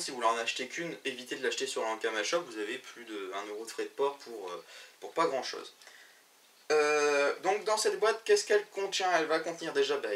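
A man's voice: mid-range voice, fairly bright tone, far from the mic. A man hosting a web show about games, presenting news to camera in a chatty way, with many fillers and restarts.

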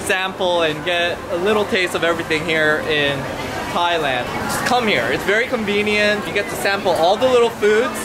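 Chatty excitable male travel vlogger. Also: high-pitched, moderate pace, heavy background noise. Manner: chatty, excitable, lots of fillers and restarts. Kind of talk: casual walking vlog. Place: busy indoor food market in a mall. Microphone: handheld camera at arm's length.

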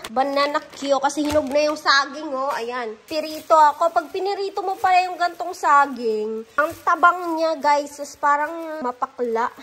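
Holding her phone at arm's length, a woman from the Philippines in her thirties talks to her vlog audience from the kitchen and living area of her home. Her voice sits high with a fairly bright tone, and her chatter is informal, with playful asides; there is slight background noise.

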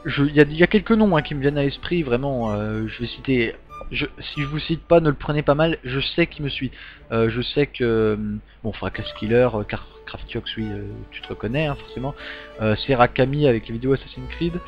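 Speaking briskly in a mid-range voice, a gaming channel owner gives his subscribers an informal update, wandering off track with many ums and false starts. Faint music plays beneath the dull, lo-fi recording.

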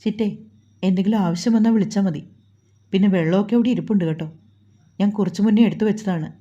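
Woman doing a polite young guy, husky lo-fi sound. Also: high-pitched, fast, mellow.

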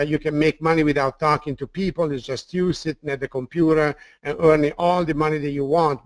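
A man's voice: a little high, no room sound. A man with an Italian accent giving an enthusiastic sales webinar presentation, often repeating words and using fillers.

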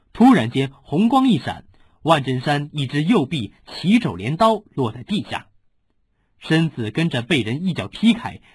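A man reads a martial-arts audiobook with animated, lively storytelling. His voice is husky, recorded dry and close. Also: a little high, no echo. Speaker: audiobook narrator. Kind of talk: scripted narration.

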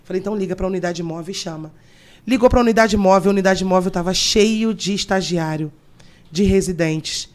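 A woman's voice: mid-range voice, a little fast. A woman guest on a podcast, an embalming instructor telling work stories and explaining technical terms to listeners. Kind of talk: podcast storytelling.

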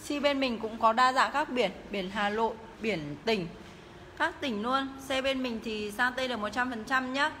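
Woman doing a live shop sales pitch, kinda high voice, noisy echoey phone audio. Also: normal speed, bright, forceful tone. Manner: promotional, repeatedly urging viewers to get in touch. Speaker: motorbike shop livestream seller. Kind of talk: live sales pitch, casual product walk-through. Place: tiled indoor motorbike showroom rooms and stairwell. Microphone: handheld phone, held by the walking speaker. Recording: noisy phone audio in echoing hard-walled rooms.

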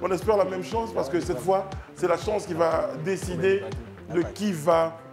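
A man's voice: high voice, steady tone, normal speed. A man hosting a TV game show in a studio, playful and joking, quizzing contestants on foreign words. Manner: playful, joking, mock German accent. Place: TV studio set. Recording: music playing behind. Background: music.

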